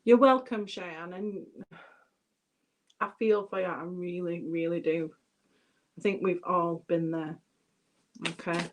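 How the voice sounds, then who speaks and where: A woman's voice: fairly low pitch, fairly even intonation, takes it slowly, long pauses. A British woman giving a chatty live tarot reading, addressing viewers by name and thinking aloud as she turns the cards. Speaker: tarot reader.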